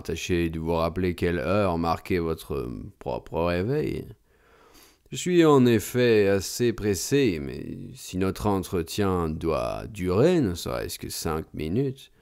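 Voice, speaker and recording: Man doing a soft, mocking lodger. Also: deep voice, exaggerated voice. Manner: deliberately soft, smooth and ironic. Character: suave, mocking middle-aged male lodger.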